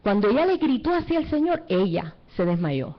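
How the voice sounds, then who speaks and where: A woman's voice: mid-range voice, big pitch swings, moderate pace, lo-fi sound. A middle-aged woman preacher giving an emotional testimony in a sermon, acting out the voices of the people she quotes.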